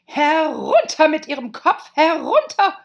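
A woman voicing a furious, hot-tempered queen who screams her orders in a shrill, loud voice in an audiobook. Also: wildly swooping pitch, drawn-out words, slightly rough, dull audio, heavily acted. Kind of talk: audiobook character voice.

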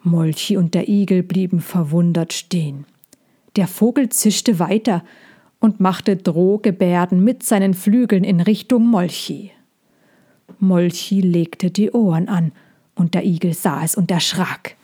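A woman narrating a children's story in a measured reading voice. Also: on the low side, fairly even intonation, mellow, husky.

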